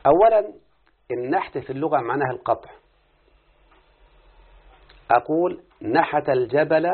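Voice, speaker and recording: A man's voice: medium pitch, slightly rough. A man with an Egyptian accent teaching an Arabic morphology lesson, constantly quizzing his student with questions. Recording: phone-like lo-fi audio.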